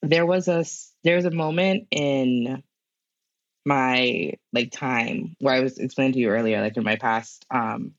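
A woman's voice: a bass voice, a little slow, dry recording, muffled recording. A young Bahamian woman talking casually as an interview guest, full of "like" and "you know". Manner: chatty, many fillers like "like" and "you know". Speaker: guest climate scientist.

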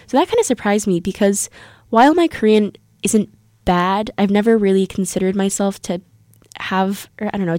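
This young American podcast host has a medium-pitched, slightly mellow voice. She narrates a story casually, first in Korean and then English, with lots of fillers and false starts, and the clean studio audio has no room sound.

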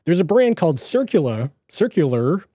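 A man's voice: on the high side, lively intonation, moderate pace, mellow, no room sound, studio quality. A man with a Boston accent hosting a podcast, talking in a casual, rambling way with lots of fillers and restarts. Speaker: podcast host. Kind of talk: casual solo podcast talk.

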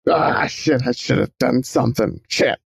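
Casting: man voicing a foul-mouthed devil in a tabletop game, gravelly, plain everyday tone. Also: mid-range voice, moderate pace, no echo, clean studio sound, exaggerated voice. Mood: shaken. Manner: curses a lot, urgent and blunt. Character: long-lived devil man, gruff and swearing.

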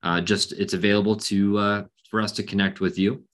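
Male coach host, lowish voice, informal filler-heavy pitch on a video call. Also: little pitch movement, a little fast, a bit bright. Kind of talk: casual webinar talk.

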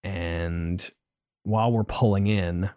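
A man's voice: sits low, fairly even intonation, slow, warm tone, no echo, clean studio sound. A man co-hosting a podcast, casually recapping a video game in a rambling, self-correcting way with frequent laughs. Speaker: podcast co-host.

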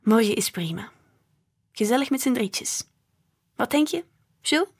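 A gentle storybook mother who coaxes her children along in a soft, breathy voice, as a woman reading aloud puts her on. She sounds cheerful and easy. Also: a little high, animated, a little slow, heavily acted. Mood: coaxing.

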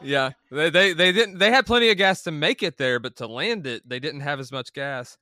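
A man's voice: a little high, animated, moderate pace, pushed and bright, no echo. A man in a casual movie discussion, bluntly recapping scenes and swearing. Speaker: podcast co-host.

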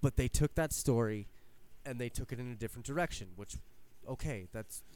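A young man co-hosting a podcast, talking excitedly and casually, swearing and acting out quotes as he recounts a scene. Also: medium pitch, a little fast. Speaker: podcast co-host. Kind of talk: excited casual fan chat.

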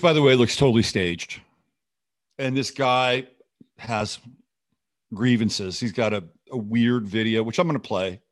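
A low-voiced man hosts a show of unscripted political talk that is rambling, skeptical, sardonic and frequently profane.

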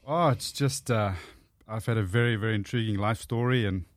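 South African guest, 40s, deep husky voice, earnest and measured, dry studio sound. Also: male voice, no echo. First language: Afrikaans. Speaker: podcast guest, author.

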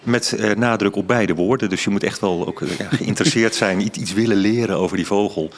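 A man's voice: lowish voice, fairly quick. A middle-aged man, an author, explaining in a casual interview with many ums and restarts. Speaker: author and science journalist.

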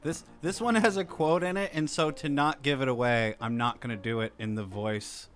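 A man's voice: mid-range voice, steady tone, moderate pace, a bit bright, soft background music. A man co-hosting a casual comedy podcast, reading trivia questions with a dry, joking manner. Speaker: podcast co-host and quizmaster.

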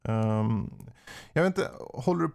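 A man's voice: mid-range voice, expressive, gravelly, darkish tone. A man hosting a casual interview, asking curious questions with many hesitations.

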